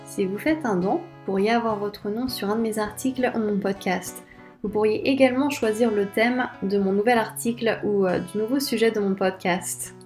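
A woman reads the closing announcement of her podcast in an upbeat, inviting tone. Soft guitar music plays faintly underneath her voice. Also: mid-range voice, fairly even intonation, normal speed. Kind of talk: scripted outro announcement.

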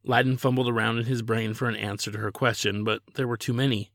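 A man, the author, reading his own novel aloud in a steady, measured way. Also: medium pitch, dry recording, studio quality. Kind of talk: audiobook narration.

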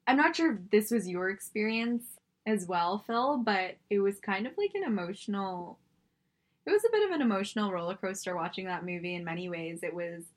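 A woman from Singapore, in the middle of her usual pitch range, chatting casually as a co-host. She speaks in a reflective way and often reaches for "like" as she gathers her thoughts. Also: expressive, fairly quick. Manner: reflective, many "like" fillers. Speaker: podcast co-host. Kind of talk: casual conversation.

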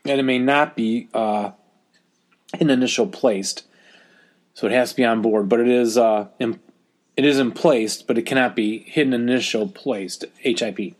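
A man hosting a casual hobby podcast while suffering from a cold, recorded in his basement with a modest mic and basement echo. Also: normal speed. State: has a cold. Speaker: podcast host. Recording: echoey basement, lower-quality home mic.

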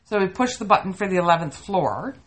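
Lively middle-aged woman telling stories. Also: mid-range voice, brisk. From Canada. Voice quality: animated, laughing through funny stories. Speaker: podcast co-host. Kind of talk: casual storytelling chat.

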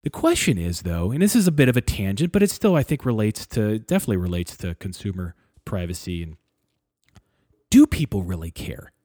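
A man's voice: fairly low pitch, very animated, brisk, mellow, no echo, clean studio sound. A man in a casual discussion who thinks aloud, restarting and correcting himself as he goes.

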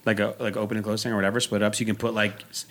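A man's voice: fairly low pitch, flat delivery, racing, fairly bright tone. An American man hosting a podcast in a casual, bantering chat style. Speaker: podcast host.

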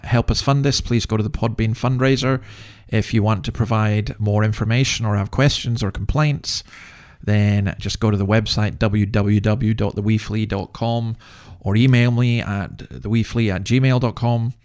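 A male podcast host offers informal commentary in a medium-pitched, slightly mellow voice. His talk is conversational and rambling, and he corrects himself along the way.

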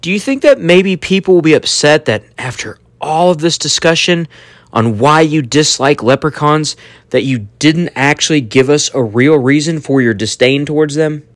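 A man's voice: fairly high pitch, normal speed, no echo, lightly acted. An actor playing a skeptical young man who dryly questions his friend's rambling. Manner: dry, skeptical, lively. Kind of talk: hobby audio drama.

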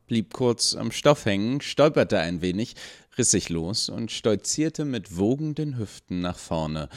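A man's voice: low voice, no echo, studio quality. A man narrating a serialized story expressively, reading it aloud. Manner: expressive reading with character voices.

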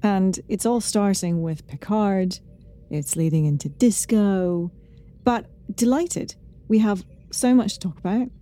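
A woman's voice: mid-range voice, unhurried, dark tone. A woman co-hosting a podcast in casual, enthusiastic chat. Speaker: podcast co-host.

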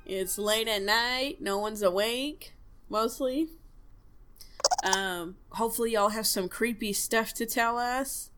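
A woman playing a smooth, easygoing late-night call-in radio host with chatty on-air patter. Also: on the high side, takes it slowly, very noisy.

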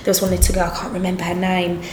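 A woman with an Essex accent, a musical theatre performer telling stories in a casual interview, chatty and quick to giggle. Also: on the low side, monotone, darkish tone. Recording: roomy echo, faint noise.

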